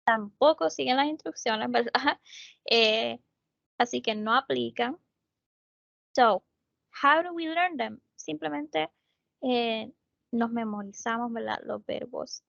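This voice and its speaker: A woman's voice: on the high side, slow, vocal fry, long pauses, a bit bright, no room sound, highs cut off. A woman tutor with a Puerto Rican accent teaching English verbs over a video call, patiently explaining step by step and often checking in with her students. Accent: Puerto Rican Spanish. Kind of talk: online tutoring lesson.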